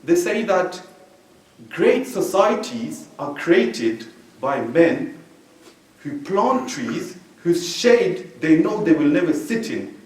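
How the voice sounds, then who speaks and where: A man from Belgium gives a conversational sermon in a mosque hall, padding his talk with "you know" as he goes. His voice sits on the high side. He stands back from a stand mic, so the sound is distant and swims in heavy room echo. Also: big pitch swings, slow pace, a little mellow. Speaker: religious speaker. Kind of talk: informal sermon.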